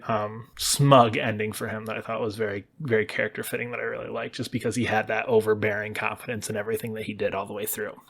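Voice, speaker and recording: A man's voice: medium pitch, a bit bright. Guy rambling about a game's story, casual, does goofy little voices for the characters. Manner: chatty, acts out characters' lines in quick voices. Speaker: gaming channel host. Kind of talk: casual spoiler discussion.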